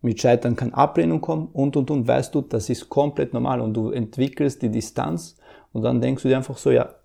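A man's voice: medium pitch, fairly even intonation, a little fast, creaky, warm tone. A man who coaches emotional intelligence, answering interview questions earnestly, repeating words and acting out inner voices.

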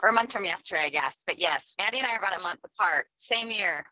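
A woman's voice: fairly low pitch, lively intonation, quick pace, pushed and bright. A woman in her forties chatting upbeat on a live stream. She is calling in on speakerphone from her car, and the line breaks up and sounds slightly robotic. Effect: calling in on speakerphone while driving, breaking up and slightly robotic. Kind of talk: casual live-stream chat. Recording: dull lo-fi call audio.

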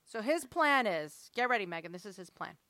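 A woman in her forties chatting casually, an animated storyteller acting out her family's lines. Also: mid-range voice, a little fast, dry recording. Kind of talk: casual chat.

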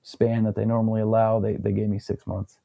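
A young man casually recounting a story as an interview guest, relaxed and rambling with plenty of fillers. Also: fairly low pitch, brisk, gravelly, dry recording.

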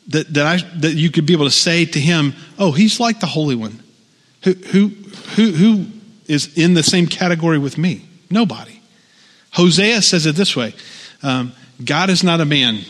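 A man's voice: fairly high pitch, fairly bright tone, long reverb tail. A man preaching a sermon, conversational with frequent "right?" asides. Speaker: pastor.

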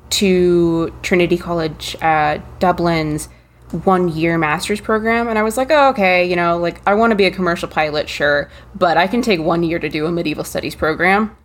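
A young woman guest in an interview, talking quickly and eagerly about her path into writing. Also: on the low side, fairly even intonation. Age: young adult. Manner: quick, enthusiastic, quotes her own thoughts. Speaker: guest, writer. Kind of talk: conversational interview.

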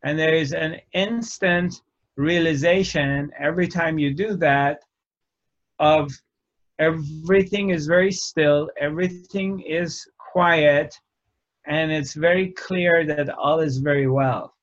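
A man gives a reflective, contemplative spiritual teaching, speaking very slowly with a slightly raised pitch. His phrases are short, deliberate and measured, separated by long pauses, and the recording sounds dull and lo-fi.

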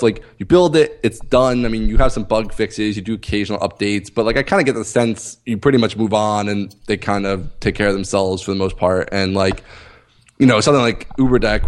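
A man co-hosting a podcast in relaxed chat, easygoing and agreeable. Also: lowish voice. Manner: easygoing, agreeable, short affirmations. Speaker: podcast co-host.

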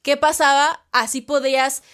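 High-voiced, chatty Mexican woman. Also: steady tone, moderate pace, a bit bright. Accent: Mexican Spanish. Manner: chatty, lots of fillers and playful asides. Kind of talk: casual chat.

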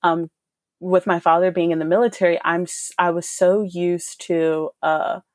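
A woman's voice: fairly low pitch, flat delivery, moderate pace, dry recording. A woman in her twenties chatting casually, with many fillers and restarts. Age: 20s. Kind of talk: casual chat.

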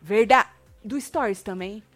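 A woman's voice: mid-range voice, measured pace, soft background music. A woman with a Brazilian Portuguese accent co-hosting a casual chat, joking and mocking in a playful way. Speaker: co-host of a gossip channel.

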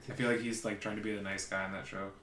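Guy with a low flat voice, kinda bright and sharp, offhand casual chat. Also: racing, roomy sound, slight background noise.

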